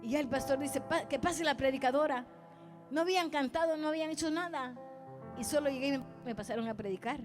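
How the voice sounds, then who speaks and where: A woman's voice: high voice, quick pace, music in the background. A woman evangelist preaching a testimony sermon, acting out dialogue and calling her listeners brothers. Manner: storytelling, addresses listeners as brothers, acts out dialogue.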